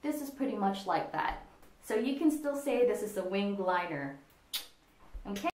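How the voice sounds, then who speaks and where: Relaxed woman vlogger in an echoey room. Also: mid-range voice, moderate pace, slight background noise. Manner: relaxed, meandering, frequent ums. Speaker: makeup vlogger. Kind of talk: casual makeup tutorial.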